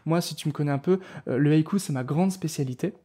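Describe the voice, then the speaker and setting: A man's voice: a little high, fast, dark tone. A man giving a casual spoken lesson on writing poetry, talking straight to the viewer with many fillers and restarts. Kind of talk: casual spoken tutorial to camera.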